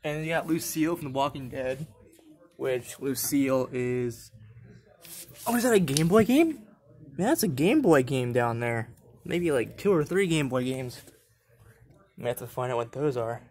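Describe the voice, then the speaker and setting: A young man vlogging casually while walking through an antique mall, rambling, laughing often and perking up excitedly at things he spots, recorded on a handheld phone. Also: mid-range voice, measured pace, pauses often. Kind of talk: casual handheld shop walkthrough vlog. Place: large indoor antique mall with glass cases. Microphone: phone camera held while walking.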